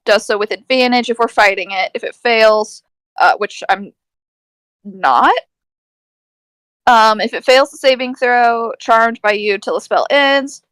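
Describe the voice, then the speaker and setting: A woman's voice: fairly high pitch, a bit bright, smooth, no room sound. A woman playing a tabletop game, reading spell rules and talking hesitantly with fillers. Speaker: player.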